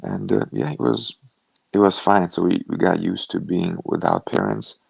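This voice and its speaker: A young man from Lithuania, a fighter telling his story over a video call in a relaxed, rambling way with lots of "like". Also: sits low, normal speed, gravelly, breathy edge, no room sound. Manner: relaxed storytelling, many "like" fillers. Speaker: guest, professional fighter.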